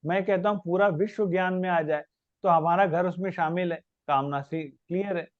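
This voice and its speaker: A man's voice: high voice, fairly even intonation, moderate pace, no room sound, dull audio. A man leading a spiritual question-and-answer class. He explains patiently with everyday examples. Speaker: spiritual teacher.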